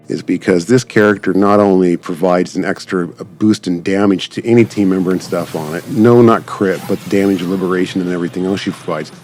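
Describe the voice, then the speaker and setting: Low in pitch and darkish in tone, this YouTuber's voice carries casual, meandering commentary over game footage. He is chatty and informal, and music sits in the background.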